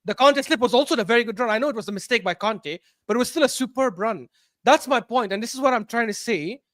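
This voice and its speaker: High-voiced fast-talking British man. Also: no room sound, clean studio sound. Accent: British English. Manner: animated, emphatic, argues with repeated "like". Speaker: podcast co-host. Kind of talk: casual football chat.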